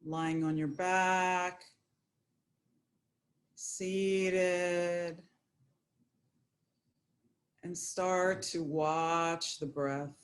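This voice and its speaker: Very slow-paced woman guiding meditation. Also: fairly low pitch, fairly even intonation. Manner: slow, soothing, prayerful blessings. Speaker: yoga nidra guide. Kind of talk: guided meditation.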